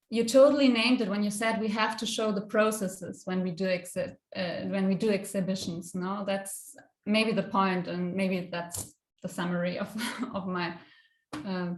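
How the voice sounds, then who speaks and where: A European woman serving as a conference panelist speaks in a spontaneous academic discussion, halting as she searches for words. Her voice is medium-pitched, and the room sounds echoey.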